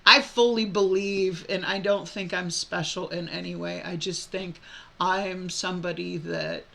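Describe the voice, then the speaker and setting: A woman tarot reader speaks straight to her webcam at home with a bright, forceful tone and a gravelly edge. Her talk is a casual, heartfelt monologue that rambles earnestly. She restarts her sentences often and breaks into nervous little laughs. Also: on the low side, steady tone, measured pace. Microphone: computer webcam mic.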